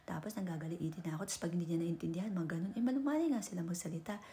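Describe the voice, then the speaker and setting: A woman's voice: fairly low pitch, very fast, mellow. A woman from the Philippines with a Filipino accent, chatting casually as she gives relationship advice and mixes Tagalog with English, tagging her sentences with "no?" and "di ba?". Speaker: vlogger giving relationship advice.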